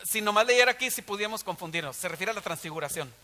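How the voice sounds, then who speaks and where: Mexican pastor guy preaching hard, high bright voice, lots of asking the crowd, echoey church. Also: quick pace. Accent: Mexican Spanish. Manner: animated preaching with rhetorical questions. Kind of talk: sermon.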